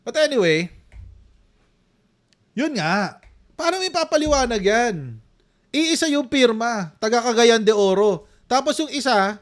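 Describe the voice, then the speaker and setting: A man with a Filipino accent doing casual live-stream commentary, animated and mocking, laughing often. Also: high voice.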